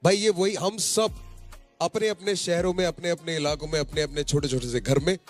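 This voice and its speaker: A man hosting a stage show, talking rapidly and switching between Hindi and English. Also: fairly high pitch, steady tone, faint music behind. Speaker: host.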